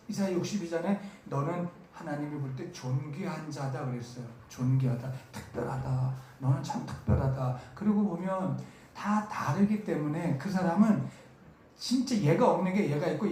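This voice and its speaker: A summer-camp preacher, with a medium-pitched voice that is a little mellow, stresses and repeats key words and asks the audience questions during a sermon. It takes place in a large church hall, recorded with heavy echo and faint noise.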